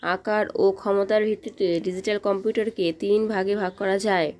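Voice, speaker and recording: A woman's voice: medium pitch, little pitch movement, fairly quick, darkish tone. A woman teacher, reading exam questions and options aloud, then explaining each answer and often checking in with the students. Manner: reads questions then explains answers, repeats "ঠিক আছে?". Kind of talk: exam practice lesson.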